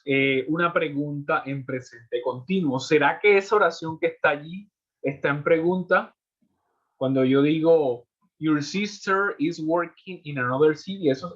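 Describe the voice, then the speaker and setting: Spanish-speaking man teaching English grammar. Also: fairly high pitch. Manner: explains step by step, checks in with "¿cierto?" and "¿verdad?". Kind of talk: online class explanation. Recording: muffled lo-fi audio.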